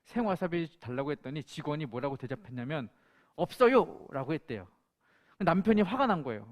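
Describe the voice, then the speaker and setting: Korean pastor guy preaching, bit high voice, pitch jumps around a lot while he tells a story. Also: lively intonation, fairly quick. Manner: storytelling with acted-out quotes. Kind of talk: sermon.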